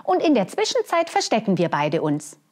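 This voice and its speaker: A woman's voice: mid-range voice, huge pitch swings, moderate pace, voice pushed up. A woman reading a children's picture book aloud, voicing an eager squirrel who likes to show off. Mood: playful. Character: excitable squirrel, eager playmate, proud of its tail.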